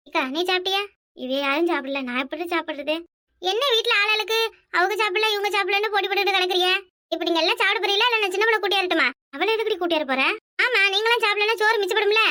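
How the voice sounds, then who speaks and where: A woman with a Kanyakumari Tamil accent voices village women in a family cartoon. Her voice is very high and bright, and she talks quickly in bickering village chatter. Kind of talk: animated village cartoon dialogue.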